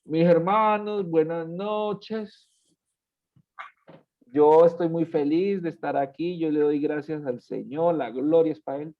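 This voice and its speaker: A man voicing a tired, drained man preacher who greets his congregation slowly and without enthusiasm, in a dull lo-fi recording. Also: fairly high pitch, fairly even intonation, lightly acted. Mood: weary. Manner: slow, drained and unenthusiastic.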